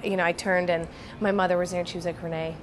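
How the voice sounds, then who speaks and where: A woman's voice: lowish voice, rapid-fire, noisy background. A woman actress as an interview guest, telling stories animatedly with lots of "like" and "you know". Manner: animated, acts out quoted voices, fillers like "like" and "you know". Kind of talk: casual interview storytelling.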